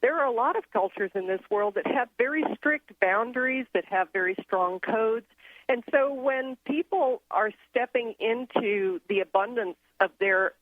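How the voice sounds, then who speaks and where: A woman's voice: a little high, no echo. A woman raised in Thailand, speaking as a radio guest, explains her ideas earnestly and at length. Her voice comes through a thin, tinny phone line. It sounds dry and close. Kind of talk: casual radio interview.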